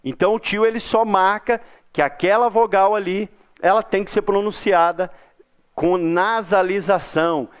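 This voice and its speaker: High, smooth-voiced Brazilian teacher. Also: male voice, steady tone. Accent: Brazilian Portuguese. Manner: chatty, stretches example words slowly. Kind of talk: recorded classroom lesson.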